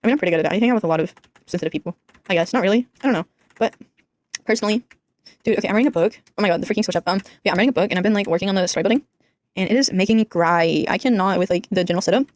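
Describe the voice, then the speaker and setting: A teenage girl, a gaming YouTuber, rambling casually over her gameplay at home in a deliberately flat, monotone voice, filling her talk with "like.". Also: mid-range voice, no room sound. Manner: rambling, flat monotone delivery, says "like" constantly.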